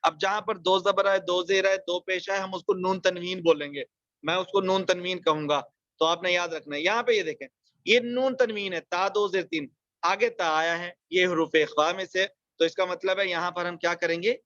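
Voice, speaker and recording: A man with a fairly high voice teaches an online recitation class. He explains quickly, then stretches out each example word slowly. The sound is dry and a little dull, like a lo-fi recording. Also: fairly even intonation, fairly bright tone, no room sound. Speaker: Quran tajweed teacher.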